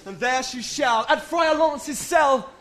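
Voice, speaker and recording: A man's voice: very high-pitched, measured pace, fairly bright tone. A man playing an eager young lover. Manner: eager, giving instructions. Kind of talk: Shakespeare stage acting.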